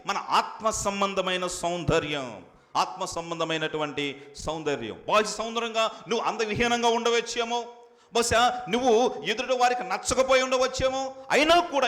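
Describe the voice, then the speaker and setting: A high-pitched man delivers a Sunday sermon as pastor. He preaches emphatically, repeating phrases and swinging from loud to soft, and asks his congregation direct questions. The sound rings with the long reverb of a church hall. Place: church worship service.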